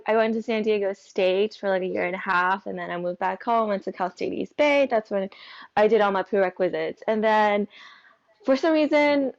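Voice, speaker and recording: A woman's voice: medium pitch, lo-fi sound. A woman guest on a podcast, talking in a cheerful, chatty way with frequent fillers. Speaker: guest photographer. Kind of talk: casual interview.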